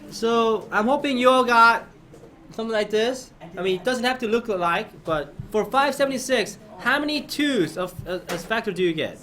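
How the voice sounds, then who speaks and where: A man's voice: high-pitched, animated, brisk, hardly any pauses, a bit bright. A man teaching a math lesson to his class, often prompting students with questions and checking that they follow.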